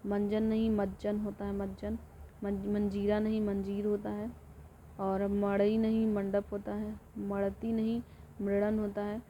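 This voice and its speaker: A woman teaching an exam-prep lesson, reading through word pairs and repeating each one in a steady drilling way. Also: medium pitch, measured pace. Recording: dull lo-fi audio with faint noise.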